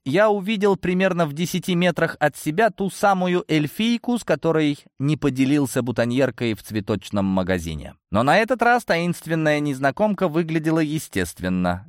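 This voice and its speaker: A man narrating an audiobook in a wry, animated storytelling manner. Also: medium pitch, no room sound, clean studio sound.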